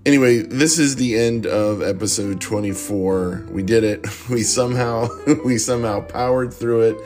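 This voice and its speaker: A middle-aged podcast host who is losing his voice rambles through a casual outro, speaking at medium pitch and moderate pace over background music. His sign-off is jokey and self-deprecating, broken up by frequent laughs.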